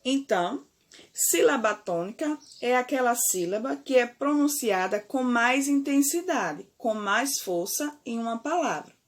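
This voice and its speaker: A woman teaching young children with a Brazilian Portuguese accent. Her voice sits a little high and she speaks slowly, stretching out key words. She keeps checking in with her pupils through short questions. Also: lively intonation. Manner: slow, deliberate, stretches key words, frequent "certo?" and "ok?". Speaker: primary school teacher. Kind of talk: remote classroom lesson.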